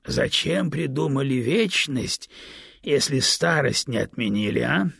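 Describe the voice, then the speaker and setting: A man's voice: medium pitch, animated, unhurried, gravelly, fairly bright tone, slight background noise. A man reading an audiobook, voicing an elderly male stone who complains and pesters eagerly in a raised, insistent voice. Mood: grumbling. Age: older. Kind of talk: audiobook character voice.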